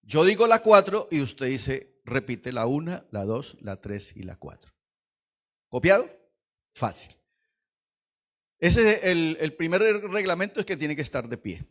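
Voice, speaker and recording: A man preaching a lively Pentecostal sermon in church, swinging from hushed asides to shouts and quizzing the congregation. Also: a little high, measured pace, pauses often. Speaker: pastor.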